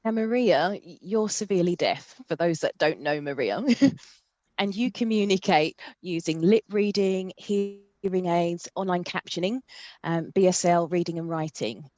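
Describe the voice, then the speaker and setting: A woman's voice: lowish voice, unhurried, darkish tone, no echo. A woman co-hosting an online panel, introducing a guest and asking her a question over a video call. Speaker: co-host. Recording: dull, dry video call audio.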